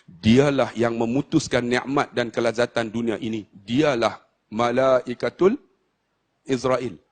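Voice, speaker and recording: A frail, dying prophet speaks low and slow, every word weary and solemn, as a preacher puts him on. The voice sits well below the speaker's usual pitch and drops to a hush. It is a storytelling turn inside a sermon. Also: male voice, steady tone, close to an everyday voice.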